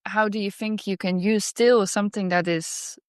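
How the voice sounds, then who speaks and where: A woman from the Netherlands hosts an interview, chatty and friendly as she works toward her questions. Her pitch is middle-range, and the recording is dry and close. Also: fairly even intonation, moderate pace, smooth, no echo. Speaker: podcast host. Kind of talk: podcast interview.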